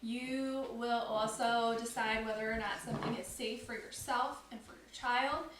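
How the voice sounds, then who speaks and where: A woman's voice: on the high side, heavy reverb, distant mic, background noise. A woman leading a family yoga class, upbeat and instructive as she talks children through the poses. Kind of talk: guided kids yoga class.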